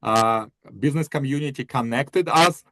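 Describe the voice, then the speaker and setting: Ukrainian-born man, mid pitch, plain delivery, dry recording. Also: normal speed, pushed and bright, dry recording. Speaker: podcast guest, company CEO. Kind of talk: casual interview chat.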